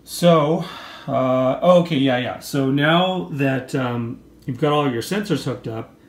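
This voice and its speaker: Creaky-voiced man giving a casual demo. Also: medium pitch, slow. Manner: informal, explanatory. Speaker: tutorial presenter. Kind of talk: casual hands-on product demonstration. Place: indoor room, at a table. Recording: roomy with faint background noise.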